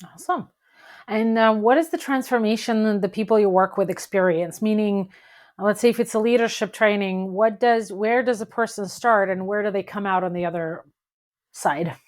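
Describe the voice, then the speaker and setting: A woman's voice: medium pitch, normal speed. Upbeat woman podcast host. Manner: upbeat, says "awesome" often. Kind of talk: interview hosting.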